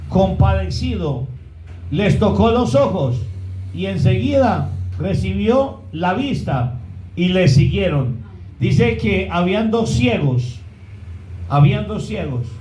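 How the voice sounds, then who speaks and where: A man's voice: high voice, dark tone, reverberant, a little hiss or hum, rough recording. A man preaching a sermon as pastor, often asking the congregation to fill in words.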